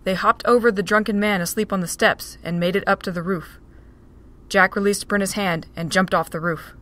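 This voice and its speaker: A woman narrating an amateur audio drama with an even, steady reading. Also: mid-range voice, moderate pace.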